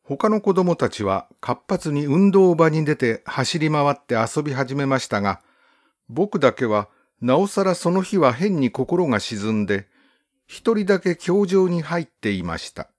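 A man reading a first-person literary story aloud in a measured, gently expressive storybook narration. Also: on the high side. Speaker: audiobook narrator.

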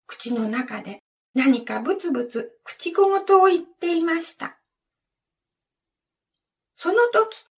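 A woman storyteller reading a fairy tale aloud in a gentle, measured way, recorded from a distance. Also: high voice. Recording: distant from the mic.

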